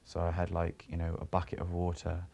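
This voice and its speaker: Man, interviewee, very deep voice, flat delivery, musing, unhurried. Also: creaky. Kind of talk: reminiscing about childhood.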